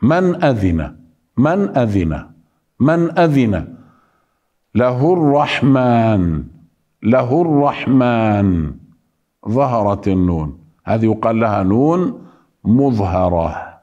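Patient, slow-spoken male recitation teacher. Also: mid-range voice, very animated, dark tone, muffled recording. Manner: patient, repeats single sounds slowly to drill them. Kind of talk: tajweed lesson with recited examples.

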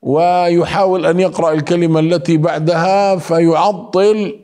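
A man teaching Quran recitation rules, explaining slowly and calling his listeners beloved ones. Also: a little high, steady tone, mellow. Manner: explains slowly, then chants verses in a drawn-out melody. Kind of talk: recitation lesson with chanted examples.

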